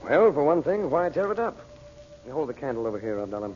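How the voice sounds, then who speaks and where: A man's voice: medium pitch, sing-song, quick pace, darkish tone, faint music behind, natural voice. An actor playing a shrewd, unruffled magician investigator in a radio adventure serial, talking casually and self-assuredly and muttering as he thinks. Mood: focused, casual. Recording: muffled, noisy old radio serial recording.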